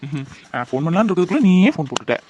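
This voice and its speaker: A man's voice: fairly high pitch, big pitch swings, racing, darkish tone, lo-fi sound, a little hiss or hum. A man voicing a devoted young fiancé in a cartoon, coaxing and reassuring. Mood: earnest. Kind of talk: cartoon voice acting.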